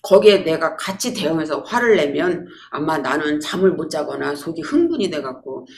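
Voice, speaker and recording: A woman giving a public lecture, telling lively stories and acting out quotes. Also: deep voice, normal speed. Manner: lively storytelling with acted-out quotes.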